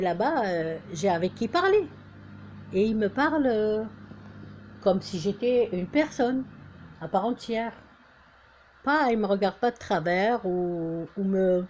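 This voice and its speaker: A woman's voice: mid-range voice, darkish tone, lo-fi sound, a little hiss or hum. A woman from Algeria talking casually to camera, hesitant with many fillers and restarts, turning insistent when she urges people on. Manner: insistent, exhorting. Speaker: vlogger.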